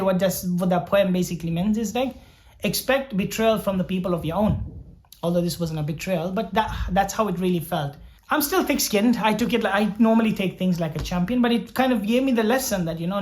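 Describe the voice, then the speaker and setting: A man's voice: high-pitched, a little mellow. Earnest man from Sri Lanka telling his story. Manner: reflective, earnest, repeats words while thinking. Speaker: doctor vlogger. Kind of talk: personal storytelling vlog.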